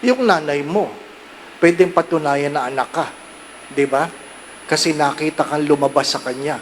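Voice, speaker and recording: A Filipino priest preaching a homily in a fairly high voice, taking his time with each phrase. He switches between Tagalog and English and keeps checking in with the congregation through questions. A faint hum of noise sits behind him. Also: low-quality recording. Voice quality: mixes Tagalog and English, asks the listeners frequent rhetorical questions. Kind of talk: sermon.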